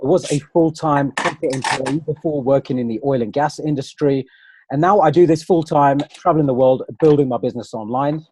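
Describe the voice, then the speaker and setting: A man's voice: medium pitch, fairly quick, a little mellow, slight background noise. A man hosting an online webinar in a casual, conversational way, talking straight to viewers over a computer microphone. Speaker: webinar host.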